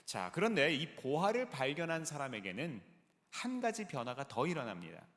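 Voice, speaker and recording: A male pastor preaching a sermon, with lively delivery and rhetorical questions put to the congregation. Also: a little high, moderate pace. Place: large church sanctuary. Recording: long reverb of a large sanctuary.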